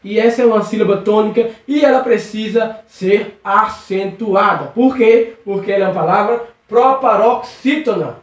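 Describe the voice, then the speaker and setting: A man teaching a recorded video lesson, patiently drawing out syllables and checking in with "okay?" again and again. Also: sits high. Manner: patient, drawn-out stressing of syllables, constant check-ins. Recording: echoey room, distant muffled mic.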